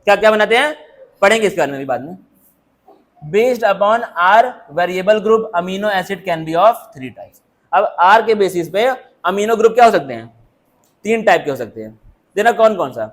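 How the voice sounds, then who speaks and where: A man's voice: sits high, lively intonation, moderate pace. A man teaching a classroom lecture who keeps firing rhetorical questions and drilling the answers back. He jokes with the students and calls on them by name. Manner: constant rhetorical questions, call-and-response drilling; jokey, teases and calls on students.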